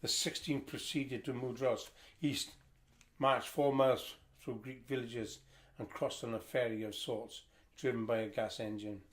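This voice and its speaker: An older man reading a family history aloud, telling the story in a lively storytelling way. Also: medium pitch, unhurried.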